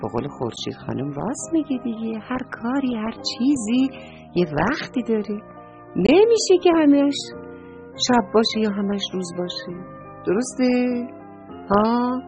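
A woman's voice: mid-range voice, big pitch swings, faint music behind. A woman narrating a bedtime story for children, speaking tenderly and addressing them directly.

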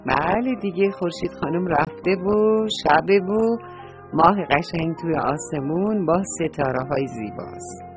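A woman's voice: fairly low pitch, soft background music. A woman narrating a bedtime story for children, speaking tenderly and addressing them directly.

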